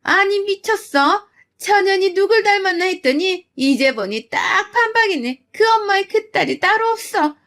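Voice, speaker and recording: A woman voicing a scornful older mother-in-law who sneers in a high, strident voice. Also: animated, a little slow, a bit bright, heavily acted. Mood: sneering.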